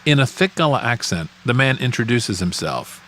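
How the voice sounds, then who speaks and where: A man's voice: mid-range voice, sing-song, moderate pace, a bit bright, slight background noise. A man hosting a podcast, delivering scripted documentary narration.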